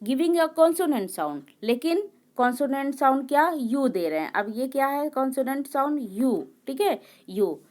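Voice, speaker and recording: A woman teaching an English grammar lesson. She reads each rule slowly, then explains it again and again, checking in with her listeners as she goes. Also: high-pitched, expressive, a little mellow. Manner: explains slowly, repeats words and checks in with "okay".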